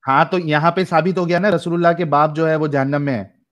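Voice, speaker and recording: A man's voice: fairly high pitch, fairly even intonation, fairly quick, fairly bright tone, dull audio. A man hosting a live-stream debate in a casual, teasing way, chuckling as he goes. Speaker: host.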